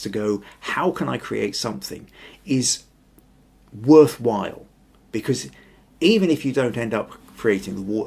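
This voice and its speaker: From a small room in his home, an older man from Scotland hosts a photography podcast as a casual live-stream chat, musing in a thoughtful, rambling way and reading viewer comments aloud. His mid-range voice is creaky and a little mellow, with a breathy edge.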